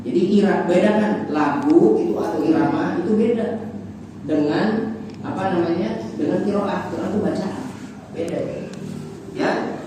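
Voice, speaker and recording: A man teaching religion in a relaxed, chatty way, sometimes chanting verses. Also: high-pitched, normal speed, pauses often, recorded from a distance, noisy background. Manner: chants Quran verses, then explains casually. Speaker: preacher. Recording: echoey hall recorded from afar.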